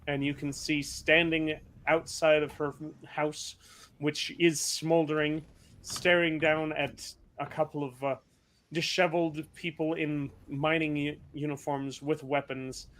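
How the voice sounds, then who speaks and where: A man's voice: a little high, flat delivery, a little slow, a bit bright. A man running a tabletop role-playing game as game master, describing scenes with frequent fillers and self-corrections.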